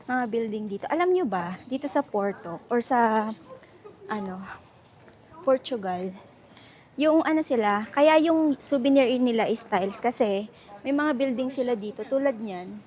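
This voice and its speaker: A woman's voice: a little high, unhurried, darkish tone. Chatty woman vlogging abroad. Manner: chatty, mixing Tagalog and English, laughing often. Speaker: travel vlogger. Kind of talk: casual travel vlog chat. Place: outdoors on city streets.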